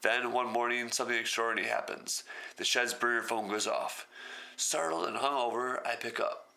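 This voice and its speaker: A man's voice: medium pitch, fairly even intonation, moderate pace, creaky, pushed and bright. A man reading a story aloud and breaking off for wry, sarcastic comments.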